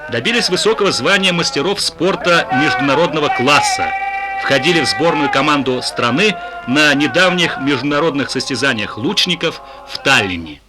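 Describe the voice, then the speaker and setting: A man's voice from an old archival newsreel, reading a formal script in a measured, declamatory announcer style. Loud music plays beneath his studio voice-over throughout. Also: a little high. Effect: old archival newsreel narration. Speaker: newsreel narrator. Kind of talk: scripted documentary narration.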